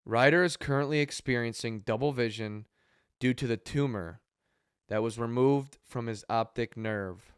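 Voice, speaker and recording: A man making a heartfelt appeal for a charity he runs, talking haltingly with sighs and pauses, his voice catching with emotion. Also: mid-range voice, smooth, no echo, clean studio sound. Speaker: charity organizer. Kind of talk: heartfelt direct-to-camera appeal.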